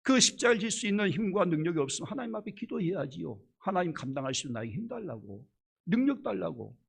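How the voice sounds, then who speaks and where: Korean-style church pastor, man, fervent sermon, rough husky tone, fairly high, animated pitch. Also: fast talker. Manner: impassioned preaching with rhetorical questions, swinging from loud to hushed.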